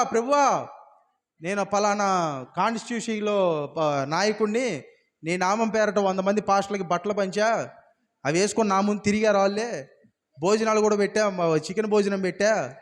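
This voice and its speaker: A man preaching a sermon as pastor, asking rhetorical questions and shouting repeated cries. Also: high-pitched. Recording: long hall reverb.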